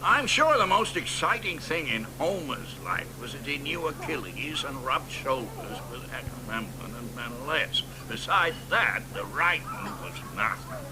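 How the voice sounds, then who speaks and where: In a radio drama, an actor plays a boastful, crude old American poet, drawling unhurriedly and dropping into hoarse whispers. His mid-range male voice swings widely in pitch against a noisy background.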